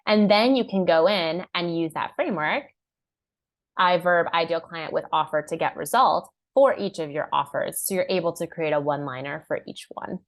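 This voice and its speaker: Young woman, workshop presenter: low-ish voice, casual and upbeat, lots of "like". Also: moderate pace. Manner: upbeat and conversational, heavy use of "like"; acts out clients' and buyers' lines in a raised voice. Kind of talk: online class presentation.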